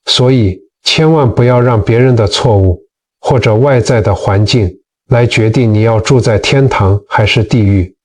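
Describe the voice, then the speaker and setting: A man's voice: mid-range voice, moderate pace, darkish tone, recorded from a distance. Earnest male storyteller narrating a teaching. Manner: earnest, addresses listeners as friends. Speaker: narrator of Buddhist teaching channel. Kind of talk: scripted moral storytelling narration.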